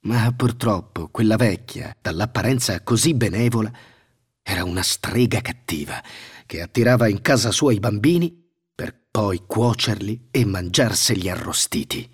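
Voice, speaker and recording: A man reads a fairy tale aloud in an expressive storytelling voice. His pitch moves a lot, and his voice is slightly husky. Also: moderate pace. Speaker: narrator. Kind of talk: scripted storybook narration.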